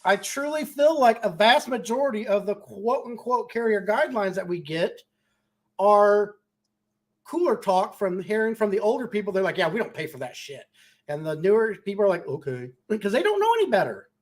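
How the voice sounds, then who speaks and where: A man's voice: high-pitched, expressive, a little fast. A man speaking as a contractor on a casual panel discussion, blunt and rambling with many restarts.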